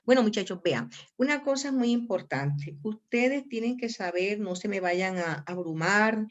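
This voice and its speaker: A woman's voice: mid-range voice, unhurried. Colombian woman lecturing, lo-fi. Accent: Colombian Spanish. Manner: animated, addresses students directly, repeats herself. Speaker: law professor. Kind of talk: online university lecture. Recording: dull lo-fi audio.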